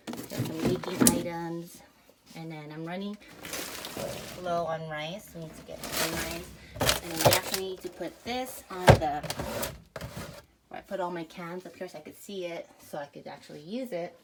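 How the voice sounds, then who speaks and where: A woman talks through her kitchen and garage freezer in a loose, chatty way, peppering her speech with "like" and "um." She is a little out of breath from a workout, and her voice sits on the lower side. Loud background noise runs under the recording. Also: steady tone, moderate pace. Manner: chatty, lots of fillers like "like" and "um". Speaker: family vlogger. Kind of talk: casual home tour narration. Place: home kitchen, pantry and garage.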